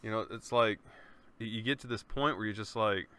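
Fairly quick and on the low side, this man's voice is bright, forceful and smooth as he hosts his podcast. He speaks in a relaxed, sincere monologue, often tossing in "man" and swearing.

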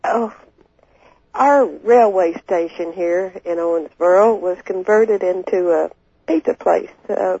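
A woman's voice: fairly low pitch, takes it slowly, creaky, warm tone, husky. A woman chatting casually as a caller to a radio show, speaking over the phone. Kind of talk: casual chat. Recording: dull dry phone call on radio.

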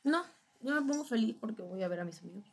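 A woman's voice: a little high, lively intonation, quick pace, gravelly, a crowd in the background. A woman in casual chat, talking in an easygoing, matter-of-fact way.

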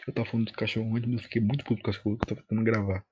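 A man's voice: lowish voice, level tone, very fast, a little mellow, dull audio, a little hiss or hum. A young Brazilian man from Bahia rambling casually as a solo podcast host, in heavy informal street slang with some swearing. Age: young adult.

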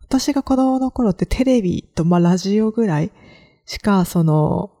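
A woman's voice: medium pitch, lively intonation, moderate pace, dark tone. A woman from Kagoshima hosting a solo podcast, talking in a reflective, hesitant way with many fillers. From Kagoshima, Japan. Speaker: podcast host. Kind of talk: solo casual podcast talk.

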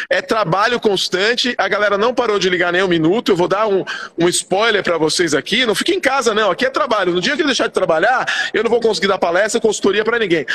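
A man who manages a real estate sales team, giving an energetic, emphatic coaching talk as he walks through the office. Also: sits high. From Salvador, Bahia, Brazil. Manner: emphatic, rallying. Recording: long reverb.

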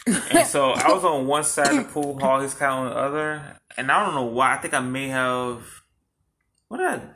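A man's voice: medium pitch, normal speed. A man in his thirties co-hosting a casual podcast, telling stories with lots of laughter and swearing. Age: 30s. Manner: animated storytelling, laughs often, swears freely. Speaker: podcast co-host. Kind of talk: casual couple chat.

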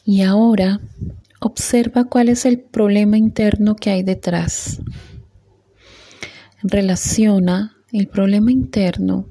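A woman leading a guided meditation in a soft, calm voice with long pauses. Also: medium pitch.

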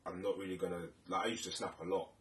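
Deep-voiced young London man, roomy recording. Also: level tone, quick pace. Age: late 20s. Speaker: podcast co-host. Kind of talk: casual chat. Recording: roomy, distant mic, faint noise.

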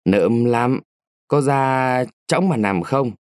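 A man voicing a quick-tempered peasant wife who scolds and shrieks at her household, in a dry, close storybook reading. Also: mid-range voice, dry recording, close to an everyday voice. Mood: coaxing shy.

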